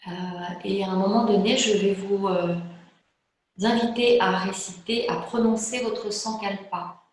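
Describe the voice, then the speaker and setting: A woman yoga teacher calmly explaining a guided relaxation method, pausing often with hesitant fillers. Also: mid-range voice. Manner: calm, slow, hesitant with frequent fillers. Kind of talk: spoken yoga class introduction. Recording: very echoey room.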